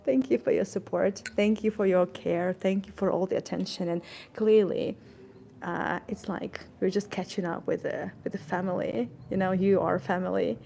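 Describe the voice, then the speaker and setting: A woman vlogger talks casually from a cozy garden café, thanking viewers and laughing often. Her voice has a gravelly, fry-tinged edge. The live-stream recording carries plenty of background noise. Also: mid-range voice, fairly even intonation, normal speed, warm tone. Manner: chatty, grateful, laughs often, stumbles over words. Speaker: tour guide vlogger.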